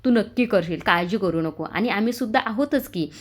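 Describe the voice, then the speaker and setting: A woman's voice: mid-range voice, expressive, brisk, breathy edge. Hurt worried mom talking to her family, narrator woman reading it out, serial recap. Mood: affectionate. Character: worried, tearful middle-aged mother.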